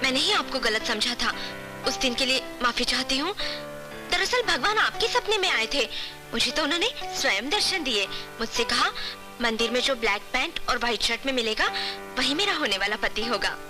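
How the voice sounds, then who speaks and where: Woman doing a sincere young woman, high voice, music in the back. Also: animated, normal speed. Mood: earnest. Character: earnest young woman who believes in divine signs. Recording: music behind.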